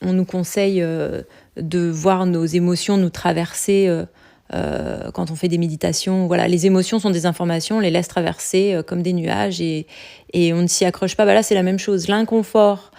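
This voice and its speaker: A woman's voice: on the low side, fairly even intonation, normal speed, creaky, warm tone. A woman from France, speaking, chats casually on a podcast about living abroad, with lots of fillers and restarts. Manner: chatty, many fillers and restarts, laughs easily. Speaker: podcast guest sharing expat experience.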